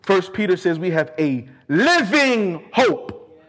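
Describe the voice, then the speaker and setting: Fervent male preacher with animated, swooping delivery. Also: sits high, takes it slowly. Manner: emphatic and fervent, repeating key phrases for weight. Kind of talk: sermon with scripture exposition.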